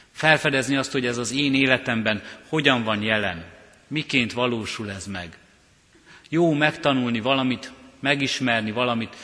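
A male pastor delivering a sermon in a measured, repetitive preaching cadence. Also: medium pitch, pushed and bright, big-room sound. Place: church.

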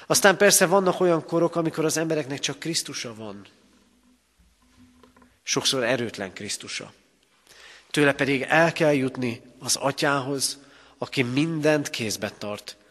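A man from Hungary delivers a sermon as pastor, stressing key words with rising emphasis and weighty pauses. His voice sits at a middle pitch. The recording carries the long reverb of a church hall. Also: fairly bright tone. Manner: emphatic preaching with pauses and rises.

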